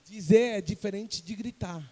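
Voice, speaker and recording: A man from Brazil preaching a sermon as an evangelist, swinging from loud to hushed and questioning the congregation. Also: sits high, moderate pace. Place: church sanctuary. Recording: long church reverb.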